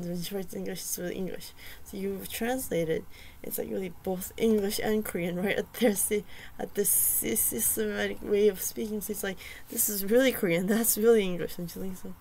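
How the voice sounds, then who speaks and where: A soft-spoken woman chatting casually about a poem and its translation. She talks hesitantly, with many fillers and restarts, and often drops to a near whisper. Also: mid-range voice, vocal fry, slight background noise, poor audio.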